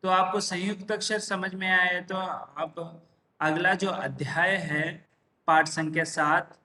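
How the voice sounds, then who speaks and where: A man teacher slowly explaining a lesson, patiently repeating examples one word at a time. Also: sits high, fairly even intonation, sharp tone, slight background noise. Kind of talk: slow classroom explanation. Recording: echoey room.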